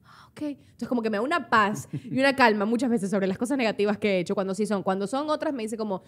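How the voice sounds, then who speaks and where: A woman's voice: medium pitch, fast talker. A woman co-hosting a podcast, rambling in a self-mocking way and slipping English words into her casual chat. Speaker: podcast co-host.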